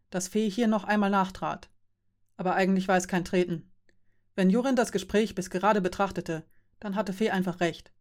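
A woman narrating a story in a plain, even reading voice. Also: mid-range voice. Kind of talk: audiobook reading.

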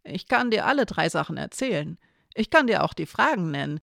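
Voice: mid-range voice, sing-song, fairly quick, vocal fry, a bit bright, no room sound, studio quality. A reader voicing Elena, a nervous young woman. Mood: unsure. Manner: hesitant, then hasty.

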